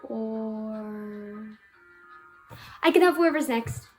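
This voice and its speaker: A bubbly young cashier, played by a woman, chats with shoppers in a high, light voice that takes its time. She stumbles and restarts nervously, keeping things friendly. Soft music plays faintly underneath. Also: animated, drawn-out words, poor audio. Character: chatty, awkward young female store cashier. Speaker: student actor. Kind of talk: stage monologue.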